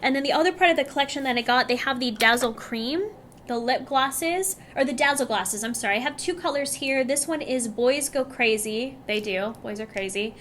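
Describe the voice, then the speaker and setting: Female beauty vlogger, thirties, high bright voice, chatty and giggly, faint room ambience. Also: moderate pace, a little hiss or hum. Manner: bubbly, chatty, laughs often. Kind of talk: casual product review.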